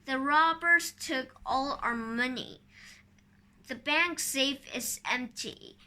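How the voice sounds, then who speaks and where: Tearful storybook banker, plaintive, read by a woman, high and slow. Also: sharp tone, exaggerated voice. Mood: upset. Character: upset male bank owner, tearful.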